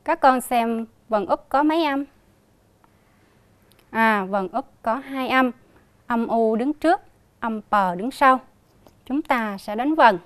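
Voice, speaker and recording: A female primary school teacher with a Southern Vietnamese accent, leading a slow reading lesson for young children and spelling out sounds with emphatic repetition. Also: a little high, dry recording. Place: recorded for a TV lesson.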